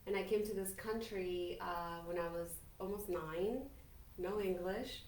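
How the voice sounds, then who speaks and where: A woman's voice: lowish voice, a little slow, a little mellow. Upbeat Spanish-native woman, roomy distant sound. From Colombia. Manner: chatty, upbeat, self-assured storyteller. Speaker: podcast guest, business owner. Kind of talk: casual interview talk. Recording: roomy, from off-mic, faint hiss.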